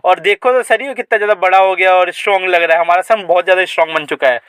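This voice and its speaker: A man voicing a loud, jolly, proud father in a comic recap. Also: high voice, very fast, clear, resonant tone, no room sound. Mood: hearty. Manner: boisterous, jolly.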